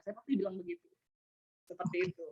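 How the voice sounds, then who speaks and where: A woman trainer giving an online personality talk, telling stories in an animated way with playful sound effects. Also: medium pitch, fast, husky. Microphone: video call. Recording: dull lo-fi video call audio.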